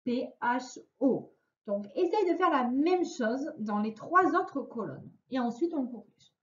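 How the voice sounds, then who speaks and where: Woman teacher talking real slow to kids, stretches every word, kinda high voice, echoey dull recording. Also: animated. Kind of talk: slow, clearly articulated lesson for children. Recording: echoey room, dull lo-fi sound.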